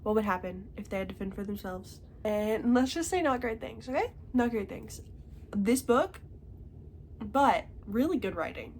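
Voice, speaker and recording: In this casual chat, a young book reviewer with a congested voice discusses what she's been reading, frequently adding "okay?" to her remarks. She sounds animated and a little mellow at medium pitch, speaking at a moderate pace, with slight background noise.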